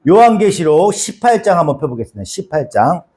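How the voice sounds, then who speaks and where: Male pastor, high voice, chatty sermon delivery that acts out quotes. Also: sing-song, fast, background noise. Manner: conversational preaching with acted-out quotes and repetition.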